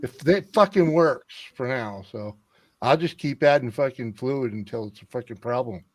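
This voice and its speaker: A man's voice: medium pitch, lively intonation, moderate pace, dry recording. A man hosting a casual livestream, rambling along and swearing freely in a dry-sounding space.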